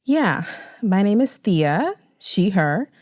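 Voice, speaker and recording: A woman in her twenties from San Diego, an activist telling her story in an earnest, measured way. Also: medium pitch, sing-song, a little mellow, dry recording, clean studio sound. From San Diego, USA. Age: 20s. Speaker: youth activist. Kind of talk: personal testimony interview.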